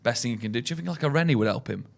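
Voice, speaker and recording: A man's voice: medium pitch, expressive, very fast, gravelly. A hungover British man co-hosting a podcast, swapping casual comic stories. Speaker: podcast co-host.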